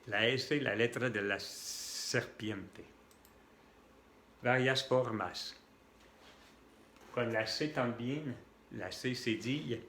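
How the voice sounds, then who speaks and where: A man's voice: medium pitch, a bit bright, a little hiss or hum. A man whose first language is French, patiently explaining pronunciation to beginners and repeating each sound aloud. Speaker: French tutor.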